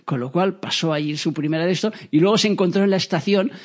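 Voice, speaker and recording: Guy from telling a story about his dad, talks super fast, slightly high voice, does little voices. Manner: lively, acts out quoted voices, frequent restarts.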